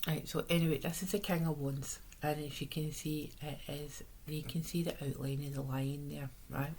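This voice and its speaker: A Scottish woman with a hoarse, sore-throat voice, chatting casually through a tarot reading in a rambling, conversational way. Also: low voice, little pitch movement, moderate pace, a little mellow, a little hiss or hum.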